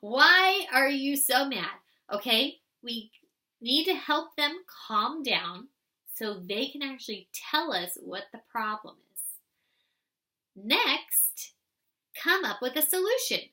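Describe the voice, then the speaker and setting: A woman giving parenting advice in an animated way, asking rhetorical questions and acting out parent and child. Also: on the high side, slow, long pauses. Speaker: parenting educator.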